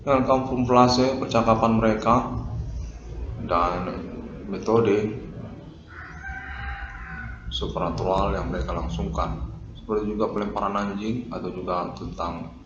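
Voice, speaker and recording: A man reading a stiff, repetitive formal statement with long pauses. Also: on the low side, fairly even intonation. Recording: lo-fi roomy recording with noise.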